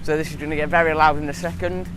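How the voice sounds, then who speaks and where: A man's voice: on the high side, little pitch movement, racing. A young man hosting a casual football vlog, talking with a lisp and slightly slurred speech from wearing a retainer. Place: outdoors. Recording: outdoor noise, vehicles, passing grass cutter. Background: traffic-like outdoor noise, grass cutter.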